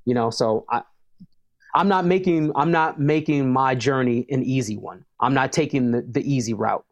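A man's voice: medium pitch, moderate pace. A man, a hip hop artist talking casually as an interview guest, emphatic and prone to repeating words as he starts sentences.

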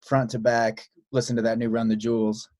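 A man hosting a podcast, talking in a relaxed, loose way with many fillers and restarts. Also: mid-range voice, brisk, no room sound, studio quality. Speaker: podcast host. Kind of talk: casual podcast chat.

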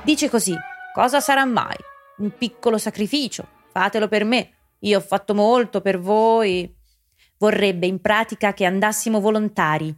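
A woman's voice: mid-range voice, normal speed, soft background music, close to an everyday voice. A woman voicing a patient unborn girl in a children's fairy-tale audio play. She coaxes the boy and relays what an unseen voice says. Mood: coaxing, quarrelsome.

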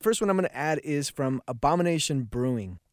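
Dude co-hosting a podcast, kinda high voice, dry close sound, super laid back. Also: male voice, expressive, brisk, no room sound. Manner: laid-back, trails off and restarts often. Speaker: podcast co-host. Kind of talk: casual chat.

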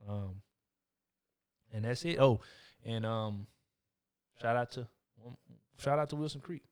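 A man's voice: mid-range voice, unhurried, darkish tone, clear, resonant tone. A man co-hosting a casual chat podcast, laid-back and slangy with lots of fillers. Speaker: podcast co-host.

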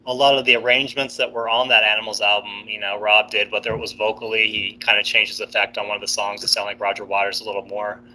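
A man with a very bright, sharp-edged tone and a fairly low voice chats on a podcast. He sounds easygoing and keen, and he backs up his co-hosts as he talks. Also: level tone, fast, few pauses, poor audio. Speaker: podcast co-host. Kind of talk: casual music podcast chat.

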